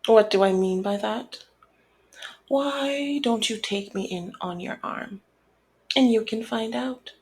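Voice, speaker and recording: Slow and a little mellow, this woman's higher voice carries a teasing, sly mood. She voices a flirty, controlled mob boss in a one-sided scripted ASMR roleplay, coy and commanding.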